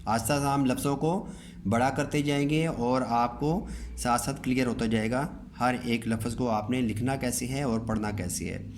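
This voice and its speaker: A male teacher giving a step-by-step lesson, his voice sitting at an ordinary middle pitch. He talks patiently and slowly, saying each word twice, with a faint hiss of noise in the background. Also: darkish tone. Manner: patient, slow, repeats each word and checks understanding. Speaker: calligraphy and reading teacher.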